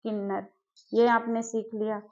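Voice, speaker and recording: Woman teacher, fairly high voice, slow syllable drills, dull lo-fi sound. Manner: slow, drawn-out syllable drills with repeated questions. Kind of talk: exam-prep grammar lesson. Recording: dull lo-fi recording.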